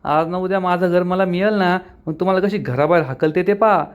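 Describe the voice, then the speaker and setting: A man's voice: sits high, fairly even intonation, brisk, smooth, phone-quality sound, close to an everyday voice. A man voicing a spiteful middle-aged aunt who scolds and curses. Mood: scolding. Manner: scolding, taunting.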